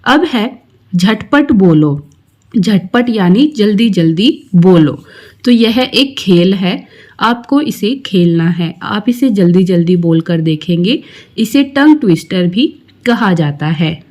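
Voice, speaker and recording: A woman reads a children's poem aloud and then works through the exercises patiently, speaking very slowly and explaining each answer for small children. Her pitch sits in the middle range. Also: expressive, darkish tone. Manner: slow, explaining each step to young children. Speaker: primary school teacher. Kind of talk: textbook lesson with a recited poem.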